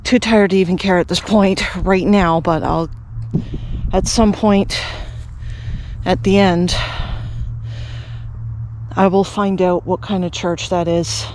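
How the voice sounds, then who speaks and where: Walking outdoors through a rural cemetery, a Canadian man narrates his vlog in a high-pitched voice with fairly even intonation. He talks slowly with long pauses, rambling casually with many fillers and restarts, over slight background noise.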